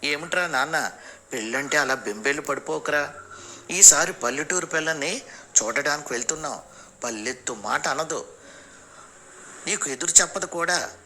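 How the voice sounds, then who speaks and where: A man putting on a loud, wailing old grandmother. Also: a little high, moderate pace, a little hiss or hum. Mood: scolding. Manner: loud, scolding, lamenting. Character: elderly grandmother, fussy and wailing.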